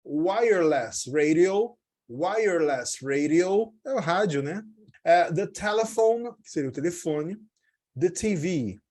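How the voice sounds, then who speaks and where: A man with a fairly high voice gives a casual English lesson. His first language is Portuguese. He chats through his explanations quickly, then slows down to say each English word carefully and repeat it. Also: lively intonation, a little mellow. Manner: explains in Portuguese, says English words slowly and repeats them. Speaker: English teacher.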